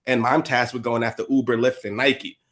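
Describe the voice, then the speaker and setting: Male guest, rapid casual storyteller who voices the people in his stories. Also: mid-range voice. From USA. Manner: lively, slangy, acts out quotes, laughs often.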